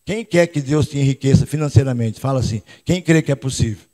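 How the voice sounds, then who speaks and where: Speaking fairly quickly with a medium pitch, a Brazilian man leads a lively sermon and repeatedly prompts his congregation to answer. He moves between shouting and quiet remarks, recorded with the long reverb of a church hall.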